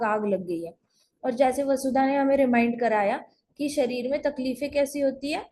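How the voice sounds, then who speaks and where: A woman's voice: a little high, dark tone. A woman teaching at home over an online call, telling a scripture story in a chatty way and repeating phrases for emphasis.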